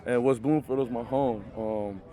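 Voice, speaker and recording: Speaking at normal speed in a warm, mid-range voice, this young Michigan man plays college football and is being interviewed outdoors at a youth football camp. He's earnest but loose, using lots of fillers, while the crowd is audible behind him.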